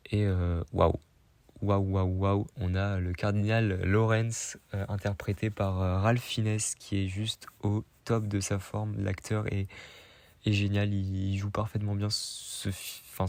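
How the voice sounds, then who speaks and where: A man's voice: on the low side, no echo. A man reviewing his favourite films of the year in a casual monologue, hesitant and full of fillers and restarts. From Iranian heritage. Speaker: film vlogger.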